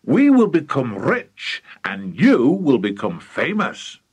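A man voicing an excitable, scheming, overbearing father in a children's story, gushing and emphatic. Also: on the high side, a little slow, gravelly, slightly rough, no room sound, voice pushed up, full character voice. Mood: gleeful, grand.

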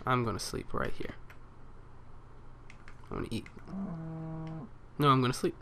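In a relaxed let's play, a man jokes his way through the game and talks to the on-screen animals and mobs. His mid-range voice is creaky and a bit bright, unhurried, with slight background noise.

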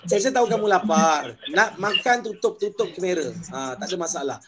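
A man's voice: high voice, animated, brisk, heavy background noise. A man with a Malaysian accent teaching a playful online Japanese class, joking and drilling words by repetition.

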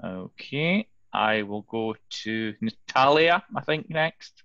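A man's voice: on the low side, lively intonation, takes it slowly, pushed and bright, no room sound. A man facilitating a video call meeting, friendly and a little flustered as he works through names. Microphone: computer mic on video call. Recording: dull lo-fi video call audio.

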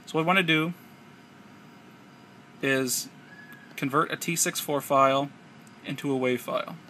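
A fairly high, pushed, bright voice belongs to an American man who speaks a little slowly with fairly even intonation. He narrates an unscripted, hands-on tech tutorial step by step in an explanatory way, and the amateur handheld camera audio is noisy.

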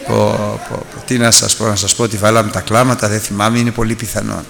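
A man preaching and teaching a Bible lesson. He tells stories and slows down and rises for emphasis. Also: fairly low pitch, level tone, creaky. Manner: storytelling, slowing down and rising for emphasis. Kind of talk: sermon. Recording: reverberant hall with faint hum.

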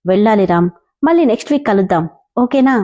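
A woman voicing a timid young woman in love who cries easily, speaking softly and pleadingly. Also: mid-range voice, lively intonation, fast talker, natural voice. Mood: gentle.

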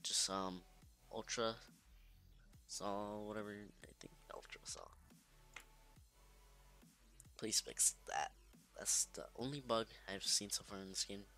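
A man hosting casual gameplay commentary at home late at night, talking quietly and half-whispering into a close microphone. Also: on the low side, measured pace, soft background music. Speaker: gaming channel host. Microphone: desk microphone close to the mouth.

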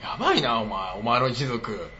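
A man talking casually on a live stream with a bright, forceful tone and a pitch that swoops wildly up and down. He is blunt and teasing and laughs often, and the audio sounds slightly muffled and lo-fi. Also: very animated, normal speed, a little hiss or hum. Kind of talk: casual livestream chat.

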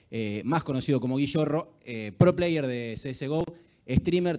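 Argentine man moderating, mellow voice. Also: a little high. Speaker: panel moderator. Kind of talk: hosting a live conference panel. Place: large auditorium stage, indoors. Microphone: handheld microphone.

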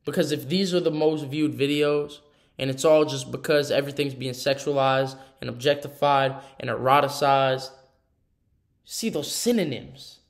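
A man's voice: mid-range voice, moderate pace. A young man giving casual reaction commentary in a slangy, exasperated, ranting way. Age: young adult. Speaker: host of a reaction channel. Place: small room indoors.

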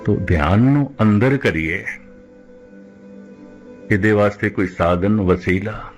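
A man preaching a religious discourse in a measured, deliberate way, slowing right down when he quotes scripture. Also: fairly low pitch, lively intonation, lo-fi sound, faint music behind. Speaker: Sikh preacher.

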